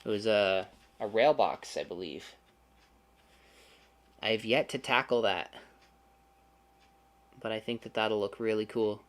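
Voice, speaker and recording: A man's voice: fairly low pitch, measured pace, pauses often. A man hosting a casual livestream, chatting with viewers and making sarcastic, joking asides. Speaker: channel host.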